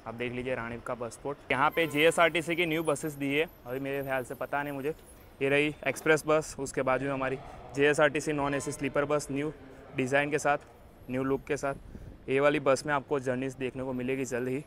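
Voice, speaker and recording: A man's voice: medium pitch, level tone, brisk, fairly bright tone. A young man narrating a casual travel vlog from a moving bus at night, chatty and mixing English words into his talk. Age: young adult. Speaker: travel vlogger. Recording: bus and street noise behind. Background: engine and traffic noise.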